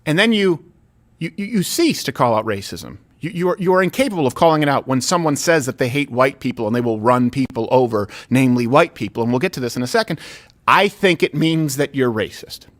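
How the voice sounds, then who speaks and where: A man's voice: medium pitch, expressive. Sarcastic man hosting political commentary. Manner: sarcastic, emphatic, quick asides. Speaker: host. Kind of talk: political commentary talk show.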